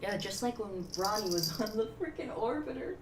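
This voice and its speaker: A young woman streamer chatting casually and telling animated stories, acting out what people said. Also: mid-range voice, moderate pace. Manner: animated storyteller, lively voices for quotes. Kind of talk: casual chat. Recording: roomy, from a distance, faint noise.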